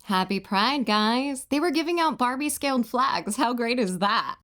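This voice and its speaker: A woman's voice: on the high side, lively intonation, moderate pace, fairly bright tone. A woman hosting a reaction video, firing back sarcastic, cutting retorts at the clips she plays. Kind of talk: reaction commentary.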